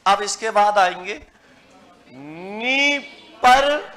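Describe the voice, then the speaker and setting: A man's voice: sits high, lively intonation, sharp tone. A man teaching Hindi grammar to a class, quizzing students and having them repeat lists after him. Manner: drills lists slowly, syllable by syllable. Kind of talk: classroom lecture.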